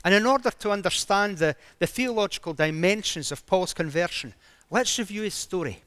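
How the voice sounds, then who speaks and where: Guy preaching, pretty high voice, dramatic storytelling, dry close sound. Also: lively intonation, a little fast, a bit bright, no room sound. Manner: dramatic storytelling with emphatic rises. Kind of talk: sermon.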